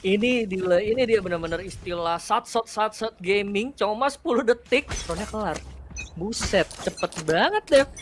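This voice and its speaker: A man's voice: high-pitched, normal speed, a little hiss or hum. A man with an Indonesian accent giving live game commentary and analysis in colloquial, slangy speech. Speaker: esports caster. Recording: game sounds behind the voice.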